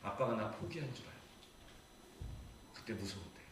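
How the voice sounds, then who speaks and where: Impassioned pastor preaching in an echoey hall. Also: male voice, fairly low pitch, lively intonation, normal speed. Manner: emotional storytelling, swings from loud to hushed. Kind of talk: sermon. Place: church sanctuary. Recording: echoey church hall, distant mic, faint noise.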